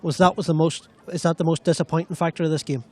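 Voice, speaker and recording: A man's voice: a little high, fairly even intonation, fast talker, dry recording. A man with an Irish accent interviewing after a sports match.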